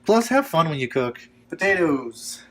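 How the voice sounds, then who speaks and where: A man's voice: fairly high pitch, big pitch swings, unhurried, noisy background. A man hosting a casual cooking demonstration, giving laid-back, chatty instructions with joking asides. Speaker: cooking show host. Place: kitchen, at the stove and counter.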